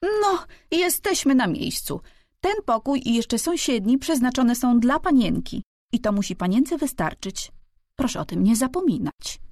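A woman's voice: on the high side, sing-song, measured pace, a little mellow, dry recording, clean studio sound, voice pushed up, heavily acted. Woman doing a stern, bossy old-style housekeeper. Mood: curt. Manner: curt, bossy. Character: stern brisk middle-aged housekeeper woman.

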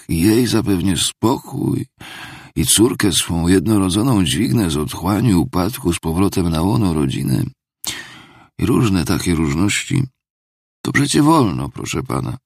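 A man's voice: low voice, expressive, unhurried, vocal fry, slightly rough, dry recording, clean studio sound, voice pushed up, exaggerated voice. Man voicing a drunken old ex-clerk pleading. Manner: pleading, rambling, theatrical confession. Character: drunken, self-pitying older male ex-clerk. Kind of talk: audiobook character reading.

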